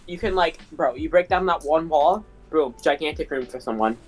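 A man's voice: on the high side, moderate pace, soft background music. A young man chatting casually on a voice chat in a slangy frat-bro way. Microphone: voice chat on Discord.

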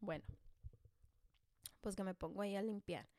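Animated Mexican woman telling a story. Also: medium pitch, normal speed, no room sound, clean studio sound. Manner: animated, joking, self-deprecating, slangy. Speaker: mother telling a personal story. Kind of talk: casual storytelling to camera.

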